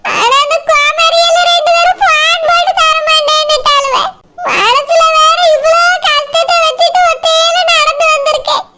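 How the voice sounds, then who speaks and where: A shrill wailing old cartoon mother-in-law. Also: steady tone, normal speed. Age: older. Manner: wailing, shouting through tears. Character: tearful elderly village mother-in-law, fretful and loud. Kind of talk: cartoon village comedy voice acting. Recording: loud background noise.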